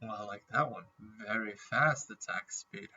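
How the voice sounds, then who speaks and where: A man rambles through casual gaming commentary, chatty and stopping often to clear his throat against a nagging cough. His voice is very bright and sharp. The sound is dull and a little distant, as if he sits back from the mic. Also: lowish voice, a little slow. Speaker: gaming YouTuber.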